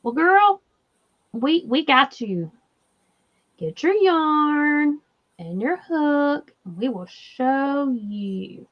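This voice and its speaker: A woman with a Southern US accent hosts a crochet livestream, laughing through casual chat and reading viewer comments aloud. Her high voice swings widely in pitch and moves extremely slowly. The lo-fi audio sounds slightly dull.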